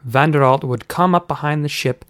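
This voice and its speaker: A man narrating a scripted comic fantasy audio drama in a dry, deadpan way. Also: on the high side, moderate pace, no echo.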